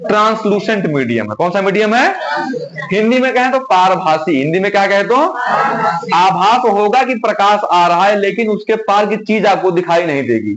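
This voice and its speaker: A man's voice: high-pitched, lively intonation, normal speed, a crowd in the background. A man teaching a science class in a classroom, asking students questions and repeating the key words back to them. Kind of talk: classroom lesson. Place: classroom with whiteboard. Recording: dull lo-fi sound.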